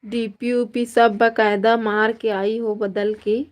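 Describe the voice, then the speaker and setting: A woman from Chhattisgarh hosting a casual live stream, greeting viewers by name and reading out their comments in a slow, drawn-out, friendly way. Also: fairly high pitch, little pitch movement. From Chhattisgarh, India.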